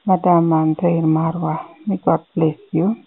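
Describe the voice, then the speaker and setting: A woman's voice: sits low, little pitch movement, a little slow, vocal fry, breathy edge, no echo. A woman with a Namibian accent, speaking conversationally as a radio interviewer. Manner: switches between Afrikaans and English. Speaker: interviewer, journalist. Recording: tinny, narrow phone-like line.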